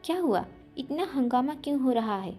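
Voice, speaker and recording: A woman's voice: high voice, expressive, moderate pace, warm tone, soft background music. A woman voicing an exasperated grown man, a husband home from the office, in a spoken storybook.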